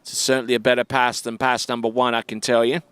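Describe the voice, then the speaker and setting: A man giving live water ski commentary in a measured way, with frequent fillers. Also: medium pitch, little pitch movement, a bit bright, smooth, no room sound.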